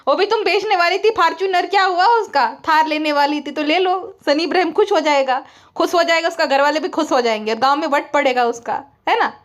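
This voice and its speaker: A woman's voice: sits high, a little fast. A woman giving a sarcastic, mocking gossip commentary and mimicking the people she criticizes. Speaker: online commentator.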